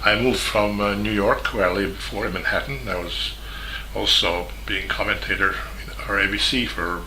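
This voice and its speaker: A man from Serbia with a Serbian accent, a journalist giving a spoken statement in halting English full of fillers and restarts. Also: fairly low pitch, fairly even intonation, bright, forceful tone, slight background noise. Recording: echoey room with faint ambience.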